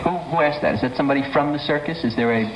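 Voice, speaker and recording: A man hosting a talk show with casual comic chat, stammering and interrupting himself as he goes. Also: on the high side. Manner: halting, stammering, self-interrupting. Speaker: guest host of a talk show. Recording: dull, noisy 1970s TV studio.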